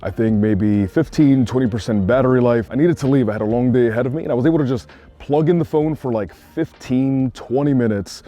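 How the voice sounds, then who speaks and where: Faint music plays behind a man speaking a little fast in a warm, medium-pitched voice. He's a Puerto Rican tech reviewer chatting conversationally about a product, with frequent "like" asides.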